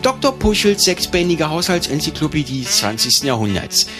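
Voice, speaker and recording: A man playing an overeager shopping-channel salesman, delivering a showy parody infomercial pitch. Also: very animated, fairly quick. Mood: eager selling. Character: overeager male shopping-channel salesman hawking household goods. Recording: music bed behind the voice.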